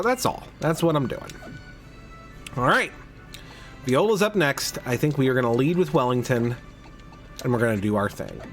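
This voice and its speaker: A man hosting a casual game playthrough, chatting and rambling through his moves with frequent restarts. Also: mid-range voice. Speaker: host of a game playthrough podcast. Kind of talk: casual let's play commentary.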